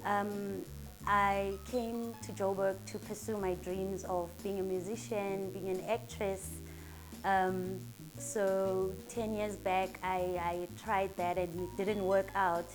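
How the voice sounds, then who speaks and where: A woman's voice: mid-range voice, flat delivery, slow, music in the background. A woman in her thirties from Durban with a South African accent, a salon owner answering interview questions in an earnest, upbeat and motivational way.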